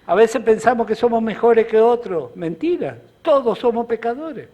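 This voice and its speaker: A male pastor preaching a sermon in short, measured phrases with pauses between them. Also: extremely high pitch, lively intonation, mellow, dull audio.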